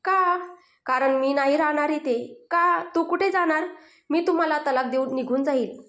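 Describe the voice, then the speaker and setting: A woman's voice: high-pitched, normal speed, fairly bright tone. A woman voicing a sulky young wife. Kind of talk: storybook narration. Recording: roomy echo.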